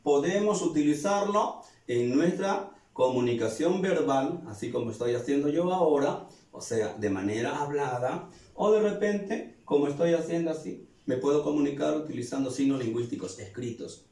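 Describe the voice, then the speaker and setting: Teaching grammar in a classroom, this man speaks at normal speed in an animated voice that's on the high side yet dark in tone. He walks students through step by step, asking questions and then answering them, with echoey sound and a distant mic.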